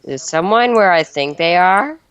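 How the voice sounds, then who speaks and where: A man's voice: sits high, lively intonation, normal speed, fairly bright tone, clean tone, dry recording, highs cut off. A teenage boy playing Minecraft with friends, goofing around with silly jokes. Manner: goofy, giggly joking. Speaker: Minecraft let's-play player. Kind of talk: casual gaming banter.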